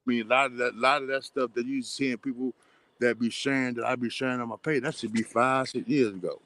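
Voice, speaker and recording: A man appearing as a guest in a loose, casual conversation. He talks in an animated way, leaning on the same filler phrases again and again and sometimes stuttering over his words. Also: mid-range voice, a little fast.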